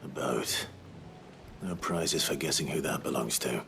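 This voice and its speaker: A terse, gravelly young swordsman. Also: unhurried, heavily acted. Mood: guarded. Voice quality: deep gravelly voice. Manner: terse and dry. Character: stern, guarded young male swordsman hero. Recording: game audio with soft music behind.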